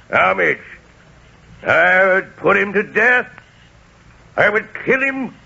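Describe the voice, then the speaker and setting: Radio drama casting: a cruel, paranoid king, husky and very animated, dull old recording. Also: fairly high pitch, heavily acted. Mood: murderous. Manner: theatrical, probing, sinister chuckling. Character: paranoid, scheming, cruel biblical tyrant king. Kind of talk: 1940s radio drama acting.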